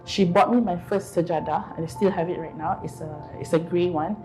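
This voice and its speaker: A woman's voice: lowish voice, steady tone, a little fast, music in the background, poor audio. A woman, telling her personal story candidly and reflectively in an interview. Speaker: interview guest.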